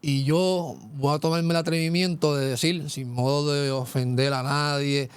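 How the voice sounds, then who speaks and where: Hombre presentador puertorriqueño, voz algo aguda. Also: male voice, fairly high pitch, fairly even intonation, moderate pace, smooth, dry recording. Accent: Puerto Rican Spanish. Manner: earnest, leading questions with "¿verdad?" asides. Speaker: host.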